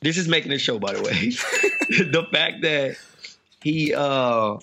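A man's voice: mid-range voice, animated, unhurried, dull audio, background noise. A male podcast host in casual banter, telling things in a slangy, amused way.

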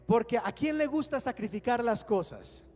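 In a church hall, a pastor preaches a sermon, urging the congregation to respond and leading them in prayer. His voice is very high-pitched with a darkish tone, lively intonation and a moderate pace. The recording carries a long hall reverb with faint music underneath.

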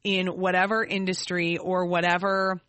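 A woman's voice: on the low side, little pitch movement, normal speed, fairly bright tone, clean tone, no echo. A woman in her forties co-hosting a podcast, chatty and self-deprecating in a casual chat. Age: 40s. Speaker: podcast co-host.

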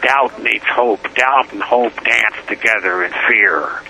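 A man's voice: lowish voice, slow pace, gravelly. An older man calling in on a prison payphone line, rambling, chanting words over and over and laughing as he talks. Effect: heard over a prison payphone line. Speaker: prison inmate caller. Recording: muffled phone line, faint hiss.

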